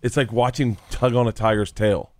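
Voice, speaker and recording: A man's voice: medium pitch, steady tone, moderate pace, no room sound, clean studio sound. A young adult man co-hosting a podcast, telling rambling stories in casual chat, swearing and acting out what people said. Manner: rambling storyteller, swears, acts out quotes. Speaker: podcast co-host.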